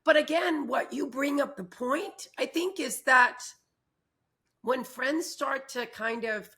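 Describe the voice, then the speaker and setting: A woman's voice: high-pitched, takes it slowly, bright, forceful tone. A woman co-hosting a casual chat, speaking candidly from her own experience. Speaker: co-host.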